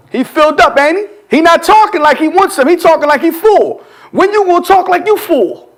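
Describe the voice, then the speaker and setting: A man, a pastor, teaching a Bible study in a church in colloquial call-and-response style, often asking "huh?" and moving between quiet asides and shouted emphasis. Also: very high-pitched. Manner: call-and-response preaching, repeats "huh?" to the congregation.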